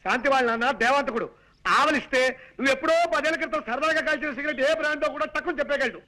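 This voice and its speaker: An actor playing a chatty, meddling best friend who hands out advice in a comedy film. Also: male voice, extremely high pitch, very fast, sharp tone. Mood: advising. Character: meddling comic best friend, young man. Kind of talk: Telugu comedy film acting.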